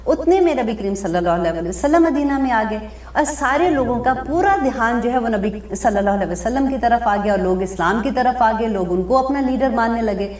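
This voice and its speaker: A fairly high-voiced woman teaches scripture, pausing to translate each phrase in a slow, deliberate way. Her voice sounds roomy and comes from some distance away from the microphone. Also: expressive, darkish tone. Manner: explains with everyday examples. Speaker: Islamic speaker. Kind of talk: religious lecture with Quran commentary.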